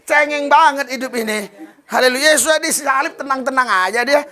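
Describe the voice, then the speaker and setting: A male pastor preaching a lively sermon to a church congregation, often laughing and slipping into playful voices to act out prayers. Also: very high-pitched, moderate pace.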